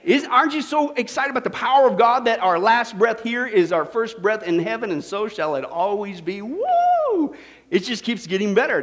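High-pitched, animated preacher man. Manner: animated preaching with rhetorical questions and frequent "okay?". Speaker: pastor. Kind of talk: sermon.

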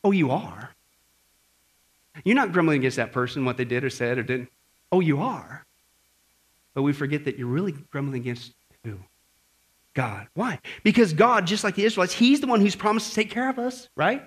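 A man preaching a sermon as pastor in a church, lively and conversational, acting out voices and asking the congregation questions. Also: a little high, a little fast. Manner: animated, acts out grumbling voices and asks the audience questions.

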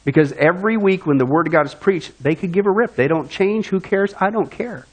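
A man preaching from the pulpit with a high, lively voice. He talks in a folksy, down-to-earth way, slipping into little acted-out voices to make his point to the congregation. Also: fairly quick, poor audio. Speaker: pastor. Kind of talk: sermon.

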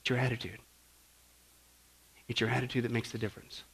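A male pastor preaching a sermon, telling humorous stories with animated delivery and dropping to quiet emphasis on key points. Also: mid-range voice, brisk, husky.

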